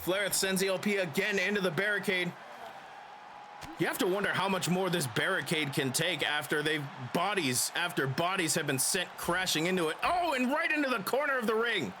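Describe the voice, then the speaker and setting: A man giving excitable play-by-play as a wrestling commentator, shouting and stretching out the big calls. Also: sits high, brisk, background noise.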